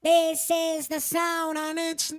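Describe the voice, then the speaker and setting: A sung vocal sample, pitched up a fifth with its formants shifted in a vocal editor, repeating a short phrase slowly. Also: completely flat delivery. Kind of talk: sung vocal sample replayed in a music production session. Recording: pitched studio vocal played back over a music track.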